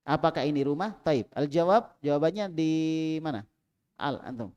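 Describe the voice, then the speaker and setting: A man teaching an Arabic class in a small prayer room, calling on students and drilling them, with loud prompts and quiet asides. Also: a little high, lively intonation, normal speed.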